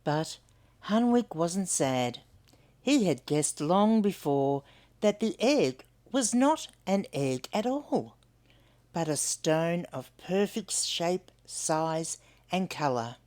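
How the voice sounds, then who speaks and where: Reading a storybook to children, this older woman with an Australian accent is expressive and pauses to ask the young listeners questions. She speaks slowly in an animated, low-leaning voice with a darkish tone.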